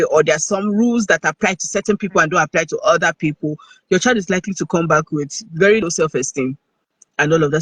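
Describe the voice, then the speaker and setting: A Nigerian man talks earnestly over a video call, his voice pitched fairly high for a man and a little husky. The sound is dry and close, with no room echo, and he keeps checking in with his listener as he talks. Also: fairly bright tone. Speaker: guest speaker. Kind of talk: casual live-stream talk.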